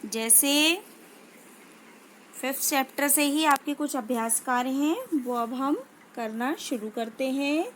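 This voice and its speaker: A woman teaching a children's language lesson, saying each word slowly and twice. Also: sits high, a bit bright, a little hiss or hum. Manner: slow, drawn-out pronunciation of each word, repeating it twice. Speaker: school teacher.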